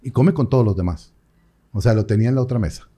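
A young adult priest chats casually in an interview. His voice is mellow and warm, pitched in a middle range, and he tells stories with lively quoted voices. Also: fast talker, husky. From Mexico. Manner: animated storyteller, acts out quoted voices.

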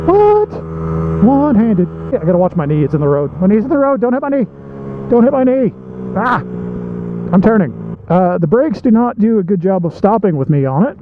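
A man chatters excitedly while riding a tiny motorbike through town traffic, joking with his viewers as he goes. His voice sits high and swings all over the place. The sound is dull and muffled, with loud road and engine noise underneath. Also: a little fast. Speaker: motovlogger. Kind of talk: casual motovlog commentary while riding.

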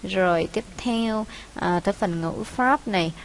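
Woman teacher, Vietnamese accent, mid pitch, halting step-by-step explaining, faint hiss. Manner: unhurried, many hesitations, explains step by step. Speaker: English teacher. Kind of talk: exam walkthrough lesson.

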